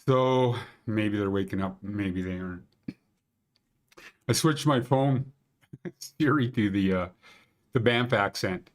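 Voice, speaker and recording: A man's voice: on the low side, slow, pauses often. Rambling joking middle-aged man. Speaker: host of a national park conditions show. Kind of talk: casual morning vlog chat.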